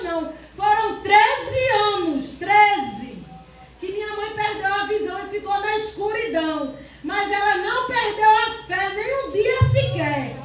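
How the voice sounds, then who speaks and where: Fighting back tears, a woman calls out praise in a fervent church testimony, her very high voice fairly bright in tone. The mic catches her from a distance in a hall full of echo, with a faint room hum below.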